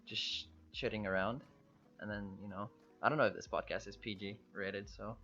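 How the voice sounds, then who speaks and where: Low-voiced hesitant young man on a dull mic. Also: steady tone, moderate pace, pushed and bright. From Bulgaria. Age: young adult. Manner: hesitant, rambling, lots of fillers. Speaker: podcast co-host. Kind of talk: casual chat. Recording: dull lo-fi sound.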